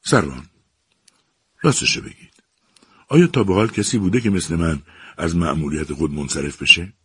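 A man's voice: sits low, lively intonation, pushed and bright, slightly rough, dry recording, exaggerated voice. A man reading an uneasy, stammering professor. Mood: uneasy, hesitant. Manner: hesitant and stammering. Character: hesitant, uneasy male professor.

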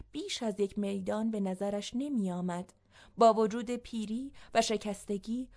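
Narrator: woman, slightly high voice, measured and even storytelling read.

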